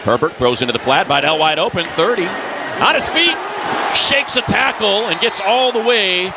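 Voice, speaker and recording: Expressive and high-voiced, a man handles live radio play-by-play of American football at a moderate pace. He uses terse, descriptive phrasing, and the crowd and ambient stadium noise are audible behind him.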